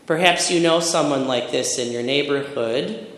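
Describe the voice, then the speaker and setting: A man's voice: mid-range voice, moderate pace, a bit bright, a little hiss or hum. A middle-aged man from Michigan gives a sermon, telling personal stories in a reflective way and building emphatic lists. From Michigan, USA. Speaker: preacher. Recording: echoey hall with long reverb.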